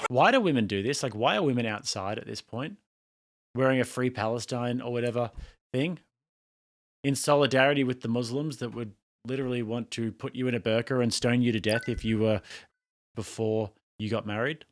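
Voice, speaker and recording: Fairly fast and medium-pitched, this Australian commentary host reacts casually to what's on screen. His tone is blunt and derisive, and he laughs at the footage.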